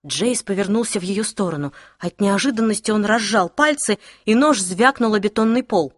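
A woman's voice: medium pitch, animated, normal speed, dry recording. Woman narrating a novel, dry close sound. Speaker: audiobook narrator. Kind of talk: scripted narration.

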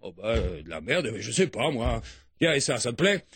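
A man's voice: mid-range voice, big pitch swings, moderate pace, fairly bright tone, husky, dry recording, studio quality. A man doing a comic radio monologue in a theatrical, mock-poetic, exaggerated way. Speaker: radio morning show comedian.

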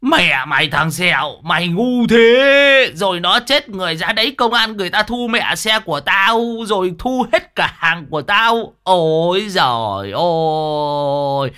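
A man's voice: expressive, a little slow, hardly any pauses, sharp tone, clean tone, exaggerated voice. A man voicing a panicky, foul-mouthed old man who wails and cackles at his friend in a ghost story. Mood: wailing panic. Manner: shrill, wailing exclamations and cackling.

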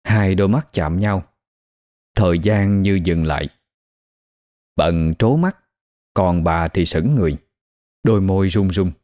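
A man narrating a ghost story in an expressive storytelling manner. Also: sits low, measured pace, long pauses. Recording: faint background music.

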